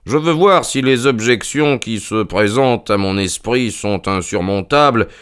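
A man playing a calm, ironic detective in a dramatized reading, unruffled and dry. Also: lowish voice, a little slow, smooth. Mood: reasoning.

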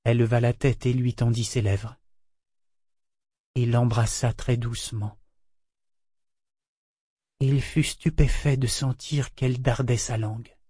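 A man narrating an audiobook in a measured, even storytelling manner. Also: mid-range voice, husky, dry recording, studio quality.

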